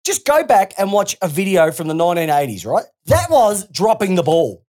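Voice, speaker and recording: An Australian woman co-hosting a sports podcast, her pitch leaping up and down as she rants. She talks in a loose, sweary, heated way, piling on blunt complaints. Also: moderate pace. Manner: animated, ranting, sweary. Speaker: podcast co-host. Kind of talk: casual sports podcast rant.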